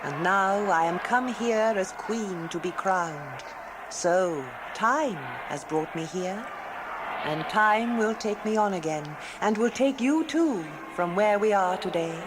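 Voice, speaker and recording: A woman's voice: medium pitch, expressive, takes it slowly, background noise. An actress playing a regal, commanding English queen in a children's historical drama, declaiming in an English accent. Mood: gracious, solemn. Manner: stately, declamatory, imperious.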